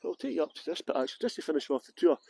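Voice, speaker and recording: High-voiced chatty male tour guide. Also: rapid-fire, vocal fry, slightly rough, dry recording. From England (West Yorkshire). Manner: chatty, joking, lively asides. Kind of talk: live-streamed walking tour talk. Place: outdoors in large public gardens.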